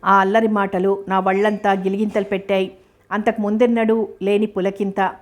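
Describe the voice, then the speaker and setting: Woman narrator for an audio novel, steady first-person reading, level and unvaried delivery. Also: medium pitch, moderate pace.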